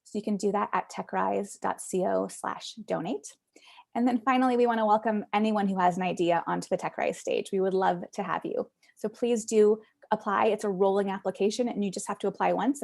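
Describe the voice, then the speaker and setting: Gravelly-voiced woman hosting over a video call. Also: mid-range voice, steady tone, a little fast, a little mellow. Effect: heard over a video call. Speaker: event host. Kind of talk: hosting a pitch event.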